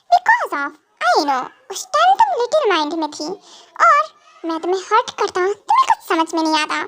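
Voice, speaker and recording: Someone w a super high voice doing a brooding possessive mafia boss guy, threatening, fan dub. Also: a bit bright, exaggerated voice. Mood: vengeful. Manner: brooding, threatening, then fussing. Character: vengeful possessive young male mafia boss.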